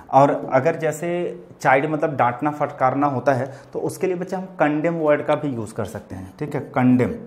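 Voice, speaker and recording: Guy teaching english words in hindi, keeps saying theek hai, drags out the examples slow. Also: fairly high pitch, slight background noise. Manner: addresses students as bachelors "bachche", repeats "theek hai" often; stretches out words and example sentences slowly. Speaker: vocabulary teacher. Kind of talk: classroom vocabulary lesson.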